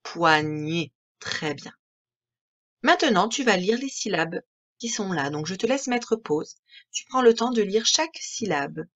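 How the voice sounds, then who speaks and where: A woman with a French accent, teaching a reading lesson to young children in a slow, clear, patient way that spells out each word. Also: medium pitch, animated, a bit bright, muffled recording. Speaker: primary school teacher.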